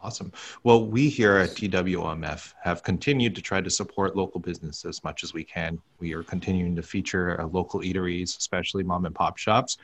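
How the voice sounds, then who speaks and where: Husky guy hosting a podcast, lowish voice, tossing questions at his guests. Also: steady tone, fairly quick, few pauses. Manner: prompting with questions. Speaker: podcast host. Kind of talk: casual interviewing.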